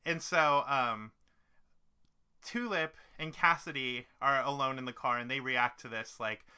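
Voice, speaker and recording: A man's voice: mid-range voice, measured pace, pushed and bright, clear, resonant tone. A man co-hosting a casual podcast, recounting scenes in a rambling way full of "like" and restarts. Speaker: podcast co-host. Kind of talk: casual chat.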